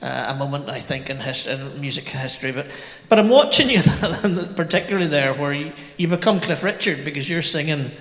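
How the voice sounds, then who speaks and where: Before a live audience in a large, echoey hall with long reverb, a podcast interviewer from Northern Ireland asks enthusiastic, rambling questions on stage. He sounds a bit bright and on the high side, animated and brisk with few pauses.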